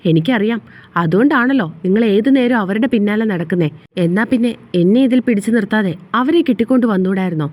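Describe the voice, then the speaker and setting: A woman's voice: mid-range voice, expressive, quick pace, darkish tone, close to an everyday voice. A woman voicing a tearful, defiant young wife who speaks in an accusing, reproachful way in a storybook reading.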